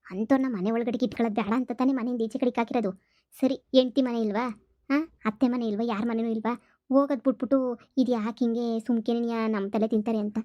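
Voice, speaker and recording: A woman's voice: fairly high pitch, no room sound, lo-fi sound, natural voice. A woman voicing a resolute, scheming young daughter-in-law in a cartoon comedy. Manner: plotting, resolute.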